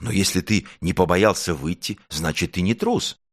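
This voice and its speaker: A man's voice: low-pitched, moderate pace, no echo, studio quality. A man voicing a curious, brave little girl star in a storybook, eager and chirpy. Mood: spirited. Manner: eager, chirpy, sometimes shouting. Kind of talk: storybook reading.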